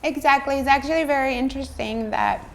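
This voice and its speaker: A woman with a Colombian Spanish accent and a slightly high voice that turns gravelly, talking through her company as an interview guest. She explains things step by step and pauses on ums. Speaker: interview guest, media entrepreneur. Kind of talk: casual interview chat.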